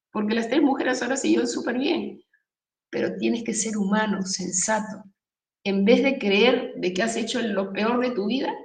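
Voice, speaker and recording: A woman's voice: a little high, darkish tone. A woman giving a spiritual talk to an audience, emphatic and preaching, with many rhetorical questions, recorded from some distance in an echoey room. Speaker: spiritual speaker. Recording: echoey room, voice from far off the mic.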